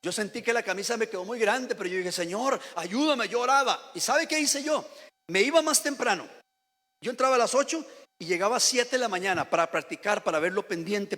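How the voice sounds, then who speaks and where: Pastor guy preaching in a church, pretty high voice, long hall echo, keeps asking the church questions. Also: bright, forceful tone. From Costa Rica. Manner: addresses the congregation directly with questions and calls to repeat. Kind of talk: sermon. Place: church sanctuary.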